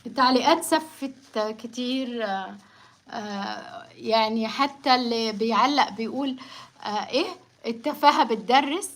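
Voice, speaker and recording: A woman's voice: a little high, moderate pace. A woman with an Egyptian accent live-streaming from home on her phone, talking back defiantly and sarcastically and laughing often. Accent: Egyptian Arabic. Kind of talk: casual live-stream talk.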